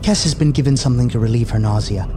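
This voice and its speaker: A man's voice: medium pitch, fast talker, noisy background, lightly acted. A man playing a precise starship doctor in a science fiction audio drama, with clinical, formal delivery. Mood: clinical, concerned. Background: music.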